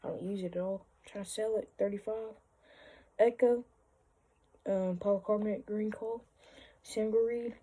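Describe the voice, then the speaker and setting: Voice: medium pitch, fairly even intonation, moderate pace, long pauses, warm tone, low-quality recording. Someone giving a casual, informal show-and-tell review as a hobbyist presenter, speaking hesitantly with trailing asides. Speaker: hobbyist presenter showing a collection.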